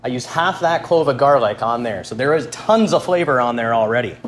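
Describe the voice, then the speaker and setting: A man's voice: mid-range voice, lively intonation, fairly quick. A man speaks as a cooking show host, casually talking viewers through each step as he works. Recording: clear background noise while cooking.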